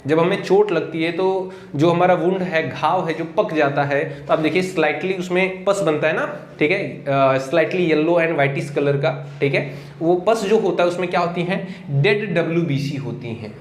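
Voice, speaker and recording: A man with a fairly high voice teaches biology, asking the class questions and then answering them himself. He spells out key terms slowly, word by word. The sound comes from an echoey room with a faint hiss behind it. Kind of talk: Hindi classroom lecture.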